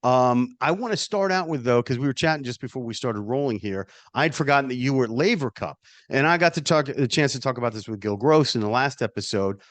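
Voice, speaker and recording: A man's voice: medium pitch, expressive, fairly quick, no room sound. Podcast host guy, effusive and chatty, dry sound, laughs easy. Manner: warm, effusive, laughs often. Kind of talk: casual interview chat. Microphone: video call.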